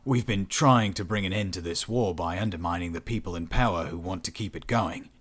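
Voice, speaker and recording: A man's voice: low-pitched, fairly quick, fairly bright tone. A male narrator voicing an awkward, remorseful young man who talks unhappily and hesitantly, in audiobook narration. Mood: subdued.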